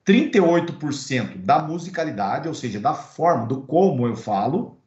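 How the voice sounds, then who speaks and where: A man's voice: fairly high pitch, very animated, moderate pace, darkish tone. A man with a Brazilian Portuguese accent giving an online lecture as course instructor, conversational with many fillers and checking tags. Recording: roomy, dull recording.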